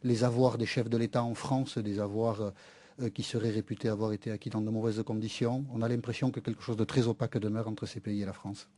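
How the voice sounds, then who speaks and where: A man interviewing a guest on radio, asking brisk, pointed questions. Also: fairly low pitch, level tone, dark tone, dry recording.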